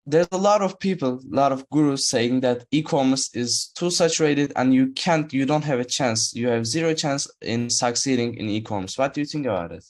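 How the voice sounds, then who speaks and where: A man speaks on a video call. His questions to his coach come eager and quick. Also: mid-range voice. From Turkey. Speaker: coaching client.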